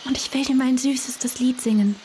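A woman voicing a small female nightingale who pleads earnestly and slowly. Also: sits high, steady tone, mellow, a little hiss or hum, pitched above the performer's own voice, natural voice. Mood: pleading.

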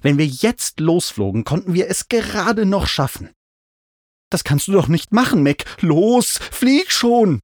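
A man reading an audiobook, voicing an excitable young male dragon rider who pleads in an agitated, raised voice. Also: high-pitched, normal speed, few pauses, no room sound, studio quality, voice pushed up. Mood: agitated pleading. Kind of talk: audiobook character voice.

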